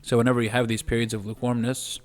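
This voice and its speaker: A podcast guest in his twenties who works as a physical therapist talks rapid-fire in a medium-pitched voice, with soft music in the background. The chat is casual, earnest and steady, with some restarts.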